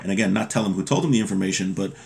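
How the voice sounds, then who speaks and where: With a deep, gravelly, darkish voice racing along, a man in his thirties reads a religious law text and explains it step by step in an informal lesson. A slight hiss or hum is audible, and he is indoors in a small home room with bookshelves.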